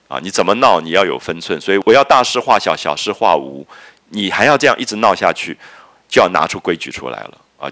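Brief: man lecturing on literature, low pitch, animated delivery, explanatory. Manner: explains each quoted line, with frequent "啊" and "好" fillers. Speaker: lecturer on a classic novel.

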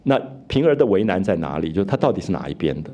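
A man's voice: low voice, big pitch swings, very fast, warm tone. A man giving an explanatory lecture on a classic novel, retelling its scenes and asking his listeners rhetorical questions. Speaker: literature lecturer.

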